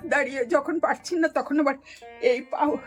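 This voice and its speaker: A woman's voice: high-pitched, steady tone, normal speed, faint music behind. An older woman, rambling through an emotional personal account in an interview. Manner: rambling, tearful storytelling.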